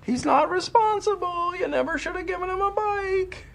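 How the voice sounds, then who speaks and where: A nagging, disapproving wife, mocked by a man in a sitcom. The voice jumps into a shrill, exaggerated falsetto well above his own. It sounds scolding and overdone on purpose. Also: moderate pace, creaky, a bit bright, exaggerated voice. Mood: mocking. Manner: exaggerated high mocking falsetto.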